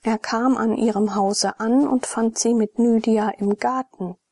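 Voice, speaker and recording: Whispery woman reading a story, husky, gravelly, close dry mic. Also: a little high, steady tone, a little slow, no room sound. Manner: soft, often unvoiced whisper. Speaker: narrator.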